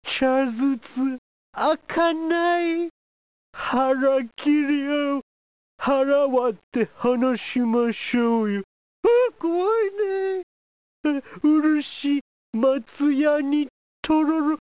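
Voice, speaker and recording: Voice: high voice, extremely slow, a little mellow, no room sound. A comedian performing a pushy, teasing foreign envoy who badgers the audience with questions in a comic monologue. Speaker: stand-up comedian.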